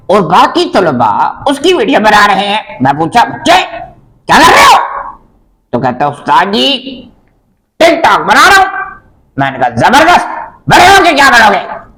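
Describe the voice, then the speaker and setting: A man acting an angry aging male government schoolteacher in a comedy sketch, who bursts into shouting rants and then sinks into a low grumbling mutter. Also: heavily acted, rough recording. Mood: sulky grumbling. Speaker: comic guest character.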